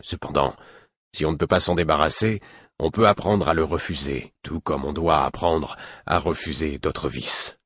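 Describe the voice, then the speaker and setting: A man reading the part of a stern, proud older man with a hoarse, guttural voice, speaking gravely and with restraint. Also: very deep voice, normal speed, a bit bright, no echo, clean studio sound, heavily acted. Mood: grave restrained.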